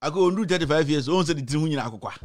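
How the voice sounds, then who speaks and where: A man's voice: a little high, fast talker. A man in his thirties with a Ghanaian accent, ranting angrily on a political talk show, switching between English and Twi. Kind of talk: heated political commentary. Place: small studio with screen backdrop. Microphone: studio mic on stand.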